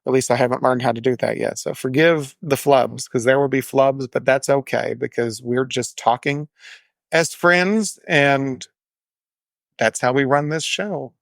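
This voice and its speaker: A man's voice: mid-range voice, steady tone, measured pace, gravelly, no room sound. A Texan man hosting his own unedited solo podcast, talking in an opinionated, emphatic way and correcting his own small flubs as he goes. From Texas. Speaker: podcast host.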